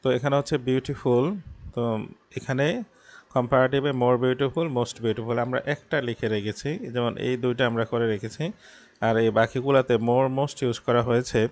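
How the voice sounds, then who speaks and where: Patient tutor, man. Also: mid-range voice. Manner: patient, explains step by step, reads examples slowly. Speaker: English grammar tutor. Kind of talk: explanatory lesson in Bengali.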